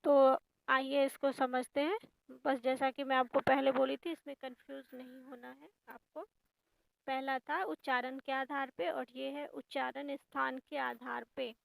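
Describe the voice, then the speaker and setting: A woman's voice: high voice, level tone, measured pace, vocal fry, dry recording, poor audio. A woman teaching a grammar lesson for exam preparation, explaining each point patiently, step by step.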